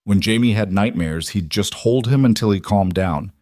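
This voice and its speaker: A man narrating a scripted story in a calm, even manner. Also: lowish voice, normal speed, dry recording, studio quality.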